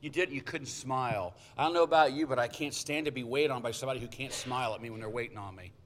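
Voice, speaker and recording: A middle-aged man preaching in a folksy, storytelling way. His voice sits at a mid pitch, and he slips in jokey asides between points. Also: fast talker, a bit bright. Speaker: pastor. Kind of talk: sermon.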